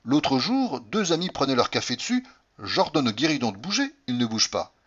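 A man reading aloud and voicing a boastful older man telling an amusing anecdote, husky and animated. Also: medium pitch, normal speed. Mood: amused. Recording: dull lo-fi recording.

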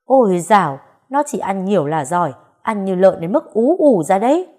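A sly, lecherous middle-aged village man who talks his way out of trouble with wheedling excuses, as a woman storyteller puts him on. The voice stays low and smooth while he dodges. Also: animated, normal speed, a little mellow.

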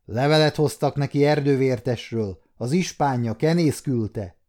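A man's voice: medium pitch, a little mellow, pitched above the performer's own voice, close to an everyday voice. An adult man voicing a scheming, domineering nobleman who speaks in a commanding, mocking way. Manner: commanding, sneering.

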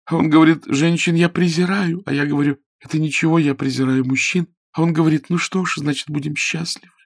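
A flighty young woman, high-pitched and excitable, with a pleading edge, as a man puts her on. The falsetto has a gravelly, husky texture. The recording is dry and close, with no room sound. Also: a little fast, dry recording. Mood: aggrieved, recounting. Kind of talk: audiobook character voice.

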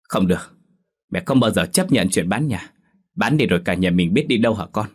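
A weary rural mother, anxious and quick to scold, in a storybook drama, played by a male narrator. The voice is husky and breathy, lifted a little above his deep natural pitch. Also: expressive. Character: worn-out older mother, strict when pushed.

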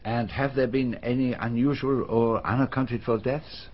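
An actor playing the detective Poirot in a BBC radio drama, speaking in a precise, formal way and asking probing questions. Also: male voice, mid-range voice, steady tone, moderate pace, close to an everyday voice. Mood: inquisitive. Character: Poirot, fastidious middle-aged male detective. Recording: dull archive radio recording.

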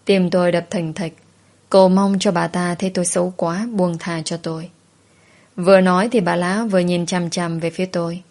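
A woman narrating a story in first person, steady and plain. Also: on the low side, moderate pace.

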